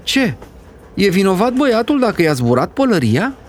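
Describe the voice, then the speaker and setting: A shrill, doting old grandmother, put on by a man, her voice pushed up high and swinging wildly from word to word. She scolds in an old-fashioned, stubborn manner. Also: very animated, a little hiss or hum. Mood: indignant.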